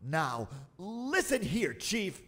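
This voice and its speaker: An excitable video-game reporter with a high, husky voice. His stiff lines lurch between awkward mumbles and sudden outbursts, and he takes his time over every word. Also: extremely slow, exaggerated voice. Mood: indignant. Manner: stilted, swinging from mumbling to sudden shouting. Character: eager male TV reporter Brisco, jumpy and excitable. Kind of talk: game voice acting.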